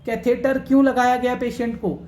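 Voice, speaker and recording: A woman teaching nursing exam questions, reading each one slowly and then explaining it in a chatty, conversational way. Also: on the high side, flat delivery, darkish tone. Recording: echoey room.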